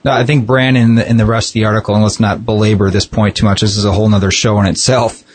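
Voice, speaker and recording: Low husky radio guy talking quick, hedging a bit. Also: little pitch movement, no echo. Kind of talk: radio talk discussion.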